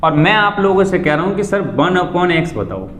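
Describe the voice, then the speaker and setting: A man's voice: high voice, sing-song, normal speed, fairly bright tone, reverberant, a little hiss or hum. A man teaching a maths class, questioning his students and calling them "beta" as he works through the steps.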